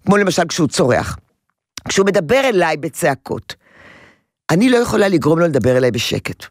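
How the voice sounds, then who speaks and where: A woman's voice: sits low, very animated, dry recording, clean studio sound. A woman advising a caller on parenting, emphatic and repeating words for stress. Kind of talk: radio call-in advice.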